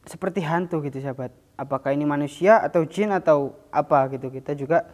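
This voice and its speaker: A man's voice: a little high, fast talker. A man hosting a spiritual mystery channel in casual chat, loose and talkative with many fillers and frequent laughs.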